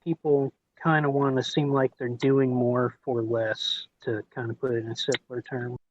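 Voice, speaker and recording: A man's voice: mid-range voice, level tone, unhurried. Man with hillbilly twang, lo-fi sound. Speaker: podcast co-host. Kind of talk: casual chat. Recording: dull, lo-fi voice line.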